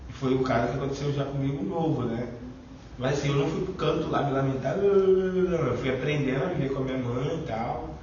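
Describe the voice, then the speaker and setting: A man's voice: mid-range voice, fast talker, darkish tone, slight background noise. A middle-aged man with a Brazilian Portuguese accent sharing a rambling, informal testimony at a Bible study, full of fillers. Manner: chatty, rambling, fillers like "né" and "e tal". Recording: echoey, distant, dull lo-fi room recording.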